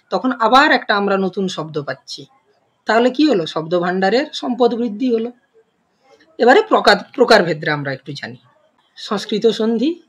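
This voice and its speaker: A woman's voice: mid-range voice, breathy edge. A woman teacher with a Bengali accent explaining a grammar lesson, asking and answering her own questions with some hesitations.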